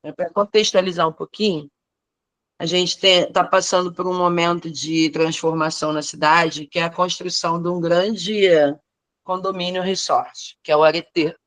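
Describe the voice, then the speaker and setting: Low-voiced teacher, dry sound. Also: female voice, steady tone, a bit bright, no room sound. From Rio de Janeiro. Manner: thoughtful, measured, frequent "né?" tags. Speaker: teacher in a training course. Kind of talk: reflective discussion on a video call.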